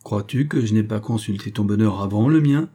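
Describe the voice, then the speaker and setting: A man's voice: fairly low pitch, fairly quick, warm tone, natural voice. A man voicing a frail, worried father who pleads tenderly with his daughter, in a read-aloud novel.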